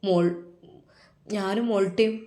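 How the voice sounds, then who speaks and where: A woman voicing a worried father who speaks quietly and bitterly about his son, with a Malappuram Malayalam accent, in a roomy echo. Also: mid-range voice, fairly even intonation, measured pace, natural voice. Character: worried older father on the phone.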